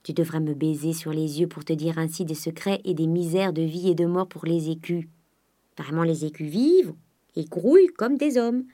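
A woman's voice: low voice, moderate pace, dark tone, natural voice. A woman voicing a greedy, domineering old miser who alternately coaxes and blusters at his daughter. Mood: wheedling. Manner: wheedling then blustering.

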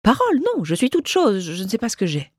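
A reader voicing a tearful young Parisian society woman who stammers and speaks in a breathy, wavering, raised voice, in a literary audiobook reading. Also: medium pitch, huge pitch swings, quick pace, dry recording, studio quality, voice pushed up. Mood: flustered.

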